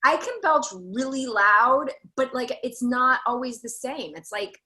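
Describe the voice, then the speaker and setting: A woman's voice: on the high side, a little slow, sharp tone. A woman competitor chatting casually in an unsure, self-deprecating way. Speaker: contest competitor. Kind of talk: casual chat.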